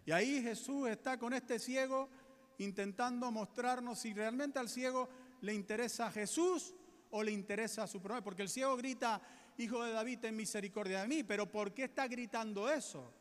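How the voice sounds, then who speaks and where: A man with a Spanish accent preaching a sermon as a pastor, earnest, slowing down to stress key points. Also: very high voice, big-room sound. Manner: earnest preaching, slows right down for emphasis.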